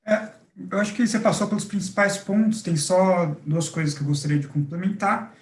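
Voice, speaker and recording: A man answering questions at a public hearing, speaking in a formal but halting way with fillers. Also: high voice. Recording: roomy echoey sound.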